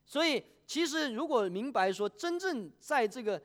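A preacher gives a sermon in a mid-range voice that rises and falls widely. The delivery is animated. The speaker often puts questions to the congregation and asks for a show of hands. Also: medium pitch, normal speed.

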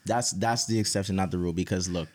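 A man's voice: sits low, steady tone, quick pace. A young man hosting a podcast in casual, slangy banter, repeating phrases for emphasis. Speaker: podcast host.

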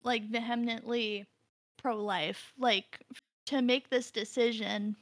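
A woman co-hosting a podcast chats casually, rambling with many fillers and restarts. Her fairly high voice keeps a steady tone at a slow pace, in a dry, studio-quality recording.

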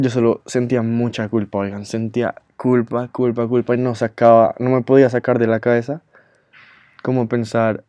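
A man's voice: mid-range voice, mellow, smooth, dry recording. A young man, telling a personal story to his viewers in an earnest, emotional way with many fillers. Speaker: YouTuber.

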